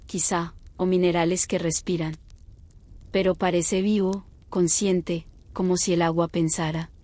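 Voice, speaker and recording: A woman narrating a scripted bedtime story slowly, in a quiet, calm, unhurried night-time manner. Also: on the low side, no room sound.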